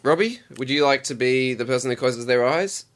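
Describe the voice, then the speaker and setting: A man's voice: mid-range voice, expressive, fairly quick. A man co-hosting a podcast, explaining a party game's rules in casual, giggly banter. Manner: explaining rules, laughing often. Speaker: podcast co-host running a game.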